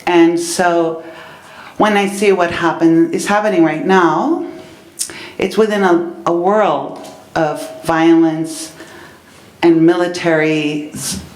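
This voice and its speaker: A woman from Colombia speaking earnestly and deliberately as a panelist in a discussion. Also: lowish voice, steady tone, darkish tone, reverberant, low-quality recording. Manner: earnest, deliberate, listing words one by one.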